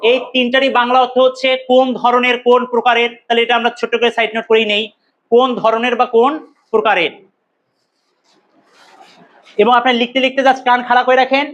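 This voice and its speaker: A male teacher, a native Bengali speaker, giving an English lesson. He asks the class questions, answers them himself, and repeats words slowly to drill pronunciation. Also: extremely high pitch, little pitch movement, fairly bright tone, dull audio. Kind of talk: recorded classroom lecture.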